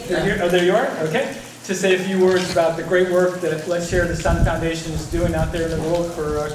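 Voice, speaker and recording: A man's voice: fairly high pitch, background noise. A man, president of a charity foundation, giving a loose, thankful speech full of fillers at a fundraising event. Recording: echoey, far from the mic.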